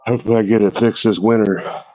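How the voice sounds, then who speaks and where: A man's voice: on the low side, steady tone, quick pace, mellow, lo-fi sound. A man in a laid-back, slangy chat. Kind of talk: casual chat.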